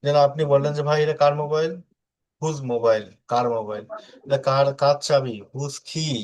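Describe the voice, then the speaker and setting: A man leads an online English lesson with a patient, unhurried delivery, saying each word again and again so students can drill it. His voice sits at an ordinary middle pitch. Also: a little mellow. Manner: patient, repeats words slowly for drilling. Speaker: English tutor. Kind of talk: online class teaching.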